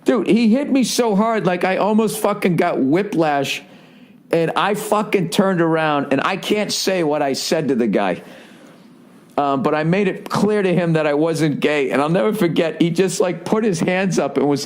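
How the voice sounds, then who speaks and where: A man's voice: a little high, moderate pace. A man who is a comedian, telling stories in a rambling, profane podcast monologue and often checking in with the listener.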